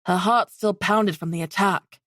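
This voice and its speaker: A woman reading a fantasy romance audiobook in steady scripted narration. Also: medium pitch, unhurried, dry recording, clean studio sound.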